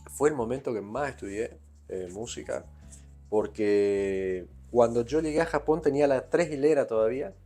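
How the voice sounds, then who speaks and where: An Argentine man from Corrientes who speaks in a mid-range voice and tells loose, rambling anecdotes. He keeps asking "¿viste?" as he goes, in a relaxed interview chat. Faint music plays underneath. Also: medium pitch, normal speed. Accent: Argentine Spanish, Corrientes. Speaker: guest musician. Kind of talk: casual interview storytelling.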